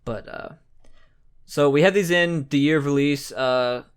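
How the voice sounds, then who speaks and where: A man co-hosting a casual chat, talking in a relaxed way with many fillers. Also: a little high, a little slow, smooth. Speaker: co-host.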